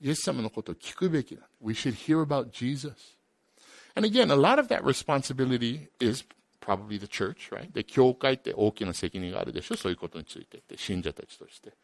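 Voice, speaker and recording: Brief: male pastor, bilingual sermon, mid-pitched, dry close sound, passionate peaks and hushed drops. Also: animated, a little fast, vocal fry, dry recording. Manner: alternates each point between two languages; emphatic, rising to loud passionate peaks.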